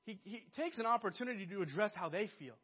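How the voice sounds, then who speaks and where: A man delivers a sermon in a high, bright-edged voice. He speaks earnestly, swelling to emphatic peaks and then sinking soft. The recording sounds dull and lo-fi. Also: animated, fast talker, breathy edge. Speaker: pastor.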